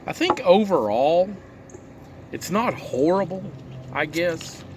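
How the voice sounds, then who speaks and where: A man's voice: fairly high pitch, animated, takes it slowly. A man giving a casual, rambling review while puffing on a pipe, musing aloud and asking himself rhetorical questions. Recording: clear background noise, vehicle-like ambience.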